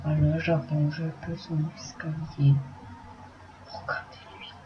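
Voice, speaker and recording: A man narrating a let's play in a soft voice, swearing when startled, on a dull lo-fi recording with faint noise. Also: fairly high pitch, little pitch movement. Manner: talks softly and slowly, swears when startled. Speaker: gameplay commentator.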